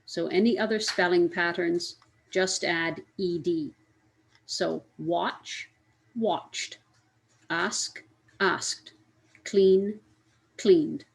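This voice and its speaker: A woman's voice: fairly low pitch, drawn-out words, vocal fry, long pauses, low-quality recording. A woman teaching an English grammar lesson, speaking carefully, spelling out letters and repeating each example.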